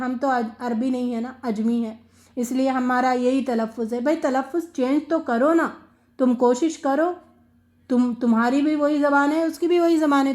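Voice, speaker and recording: Her voice is high but darkish in tone. In this religious lecture on Quran recitation, the woman teaches earnestly and inquiringly, repeating key phrases and blending English words into what she says.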